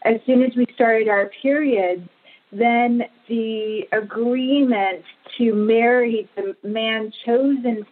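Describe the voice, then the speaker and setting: A woman from Pakistan, a guest in an interview, telling her life story in a slow, earnest, reflective way. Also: a little high. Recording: phone-like narrow audio.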